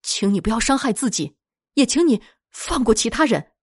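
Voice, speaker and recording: A woman's voice: a little high, very animated, moderate pace, slightly rough, no echo, studio quality, voice pushed up. A woman voicing a devoted young man who earnestly begs his sister. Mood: pleading. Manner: earnest and imploring.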